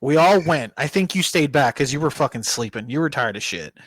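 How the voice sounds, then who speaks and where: A man's voice: mid-range voice, animated, brisk, dry recording. A young man co-hosting a podcast, telling a rowdy, profane story in casual chat and laughing often. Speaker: podcast co-host.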